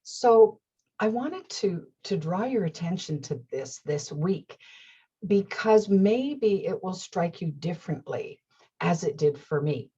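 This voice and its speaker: A woman hosts her own reflective show, taking her time over each thought. Her voice sits fairly low and has a husky edge. The audio sounds a little dull and lo-fi. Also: lively intonation. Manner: slow, gentle and earnest, with soft laughs and whispered asides. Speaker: host. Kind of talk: reflective talk-show monologue.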